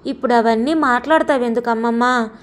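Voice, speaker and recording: A woman voicing a young adult grandson in an audio story, speaking softly and tenderly to his grandmother. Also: a little high, fairly quick, close to an everyday voice. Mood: pleading. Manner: soft, pleading delivery.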